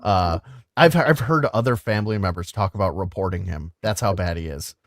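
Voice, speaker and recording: A man hosting a podcast in casual chat, talking in animated swings between loud and quiet and cursing freely. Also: low voice, fairly quick, no room sound, clean studio sound. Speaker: podcast host.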